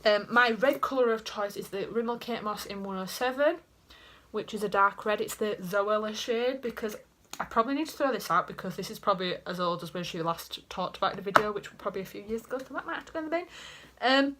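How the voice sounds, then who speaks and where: A young woman with a Yorkshire accent, a beauty vlogger, chats casually to camera from her small bedroom, rambling fast in an expressive mid-range voice and tossing in self-mocking asides. The camera sits in front of her at desk height, and the recording is very noisy.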